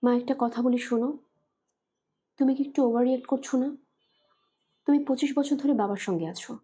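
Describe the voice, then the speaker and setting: A woman's voice: on the high side, a little fast, dark tone, breathy edge. A woman voicing a young daughter who reasons patiently with her angry mother. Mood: reasoning. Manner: patient, pleading.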